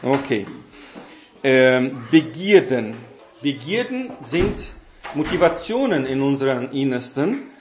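A man giving a Bible teaching talk in a halting way, with many fillers and tag questions. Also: mid-range voice, big pitch swings, a little mellow, roomy sound, slight background noise. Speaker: preacher.

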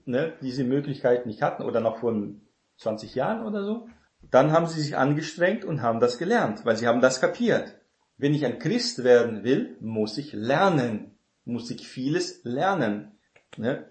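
A man preaching a conversational sermon, often checking with the congregation through quick tag questions. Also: medium pitch, a little mellow. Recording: echoey room.

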